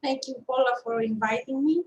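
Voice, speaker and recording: A Greek woman in her fifties, a shiatsu practitioner and teacher, shares her story as an interview guest. Her high-pitched voice moves briskly, yet she speaks thoughtfully and with some hesitation, and the recording is rough.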